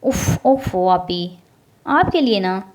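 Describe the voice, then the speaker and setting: A woman voicing a cheeky, lazy teenage girl who teases her family in a bubbly, higher voice, in a storybook reading. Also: expressive, a little hiss or hum, natural voice.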